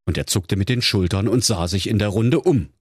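Husky, playful male storyteller. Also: on the low side, normal speed, no room sound, clean studio sound. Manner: playful, theatrical. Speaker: narrator. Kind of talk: comic fairy-tale storytelling.

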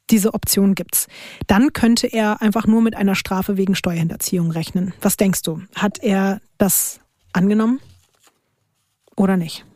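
A woman's voice: medium pitch, a little mellow, dry recording, studio quality. A young woman hosting a podcast, telling a true crime story in casual, colloquial chat and laughing often.

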